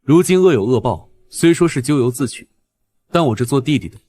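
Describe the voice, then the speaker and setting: An actor playing a pompous young pedant who quotes sages in a sanctimonious tone. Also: male voice, mid-range voice, expressive, brisk, warm tone, a little hiss or hum, natural voice. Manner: pompous, quoting sayings. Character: pompous young male pedant brother-in-law.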